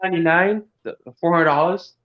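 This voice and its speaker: A Cuban man with a somewhat high voice talks briskly while hosting a casual livestream, rambling, joking and chuckling as he goes. The stream audio is dull and lo-fi.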